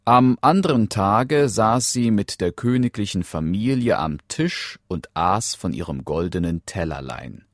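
A man reads a fairy tale with a low voice that rises and falls widely. He takes his time over every line. The sound is dry and close to the mic, with no room around it. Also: no room sound. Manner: slow, expressive storytelling. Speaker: storyteller.

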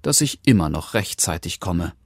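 A trusting little girl from a fairy tale, as a man reading aloud puts her on, naive and full of wondering questions. Her lines sit high in a lively, swinging pitch, in a dry, close recording. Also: moderate pace, no echo, heavily acted. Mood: musing. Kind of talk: storybook reading.

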